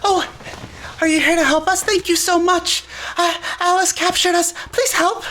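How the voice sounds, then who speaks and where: A man's voice: level tone, normal speed, sharp tone. A man voicing a frantic, grateful young captive woman, pleading in a tabletop game. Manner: high, breathless pleading.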